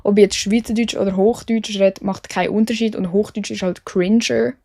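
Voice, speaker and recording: A woman's voice: mid-range voice, steady tone, brisk, warm tone, no room sound, clean studio sound. A young woman from Switzerland with a Swiss German accent, chatting casually as the host of her solo podcast, self-mocking and full of English slang.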